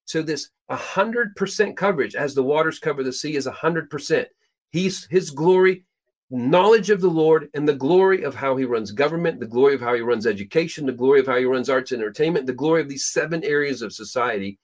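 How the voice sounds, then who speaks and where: A middle-aged man raised in Peru, hosting a show and teaching from the Bible in an emphatic way, stressing his high points. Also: fairly quick. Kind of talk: scripture teaching talk.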